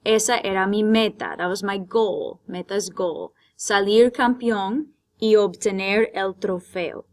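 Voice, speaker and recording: Slow, patient bilingual teacher woman. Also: mid-range voice. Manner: explains words slowly and patiently, switching between Spanish and English. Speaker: Spanish teacher. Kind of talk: vocabulary lesson, bilingual.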